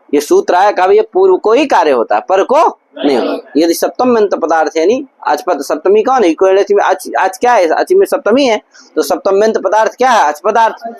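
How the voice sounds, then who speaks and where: Male teacher, high-pitched, quizzes students nonstop, repetitive drilling, gurukul classroom. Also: poor audio. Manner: constant call-and-response questions to students. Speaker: Sanskrit grammar teacher. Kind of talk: classroom lecture.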